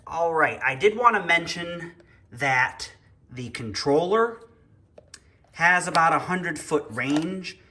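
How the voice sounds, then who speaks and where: A man's voice: fairly high pitch, lively intonation, takes it slowly, pushed and bright. A man giving a casual hands-on toy review indoors at home. He talks in a chatty, rambling way and thinks aloud while he works with his hands.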